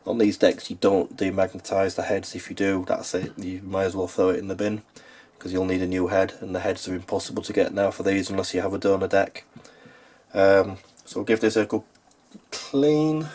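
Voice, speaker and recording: A deep-voiced man with a steady, slightly mellow tone narrates an informal how-to at a moderate pace. He's a repair technician and video host, talking matter-of-factly while working with his hands. The recording is clearly noisy and has clicks.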